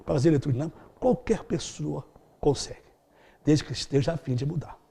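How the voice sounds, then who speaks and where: A man's voice: on the high side, brisk, vocal fry, dark tone, husky. A middle-aged man answering interview questions as a speed-reading instructor, explaining in a didactic way with vivid everyday examples.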